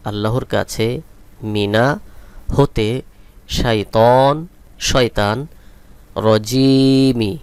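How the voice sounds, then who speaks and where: A man's voice: on the low side, smooth. A man teaching Quran reading, spelling out letters and vowel marks one at a time and then drawing out each chanted word. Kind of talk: slow spelling-out lesson with translation.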